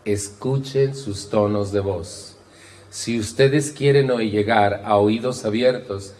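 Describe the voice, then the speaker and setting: Brief: Mexican man, middle-aged, lively anecdotal talk with playful voice impressions. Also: on the low side. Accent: Mexican Spanish. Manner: animated storyteller, acts out voices, wry humor. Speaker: speaker on communication.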